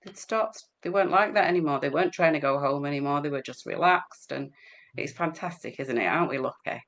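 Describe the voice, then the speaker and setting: A woman with an English accent, a healer guest in an interview, chatting and telling stories quickly, laughing as she goes. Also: sits low, fairly bright tone. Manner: quick-talking. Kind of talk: casual interview storytelling.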